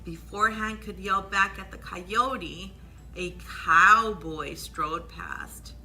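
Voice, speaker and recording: At library storytime, a woman reads a children's picture book aloud with expression, pausing for asides about the pictures. Her mid-range voice has a creaky quality, and soft music plays under a rough recording.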